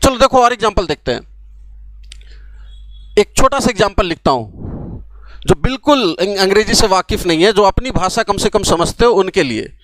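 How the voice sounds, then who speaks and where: A man's voice: sits high, lively intonation, normal speed, dry recording. A young man teaching an English grammar lesson to the camera, asking questions and answering them himself. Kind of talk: classroom lecture to camera. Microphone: camera mic, recorded for an app course.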